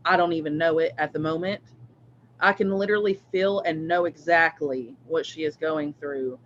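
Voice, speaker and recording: A man's voice: on the high side, steady tone, normal speed, a bit bright, slight background noise. A man hosting a live spiritual reading stream, rambling casually with many fillers and restarts. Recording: dull lo-fi stream audio.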